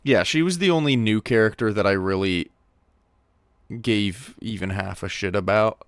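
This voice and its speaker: A man hosting a casual movie podcast, relaxed and joking with frequent fillers. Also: lowish voice, normal speed, smooth, dry recording, studio quality. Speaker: podcast host.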